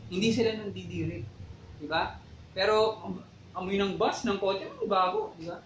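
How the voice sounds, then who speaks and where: A man's voice: high voice, very animated, normal speed, roomy sound, slight background noise, rough recording. A man co-hosting a church talk show, speaking conversationally and exhorting listeners as brothers and sisters. He keeps checking in with "di ba". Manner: conversational, repeats "di ba" often, exhorts "mga kapatid". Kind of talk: casual faith talk, preachy asides.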